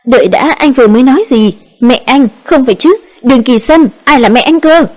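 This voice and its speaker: A woman narrator voicing a lively young woman who scolds and teases her lover in an audiobook. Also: high voice, a little fast. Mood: startled.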